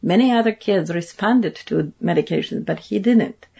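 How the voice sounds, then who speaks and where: A woman's voice: lowish voice, moderate pace, vocal fry, dark tone, breathy edge. A middle-aged woman from Poland with a Polish accent, speaking earnestly as an interview guest and repeating points for emphasis. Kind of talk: interview conversation. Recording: dull lo-fi sound.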